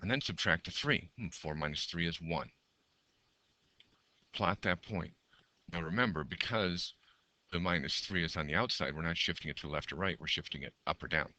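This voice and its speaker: Low bright-voiced male math teacher. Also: moderate pace, no room sound. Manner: talks through each step while drawing, counts aloud. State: losing his voice. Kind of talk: recorded math lesson, sketching graphs.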